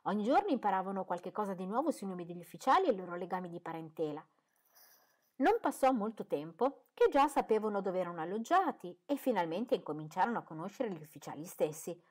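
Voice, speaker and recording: Expressive woman reading an audiobook. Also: medium pitch, quick pace. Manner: expressive, lilting storytelling. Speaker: reader. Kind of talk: audiobook narration.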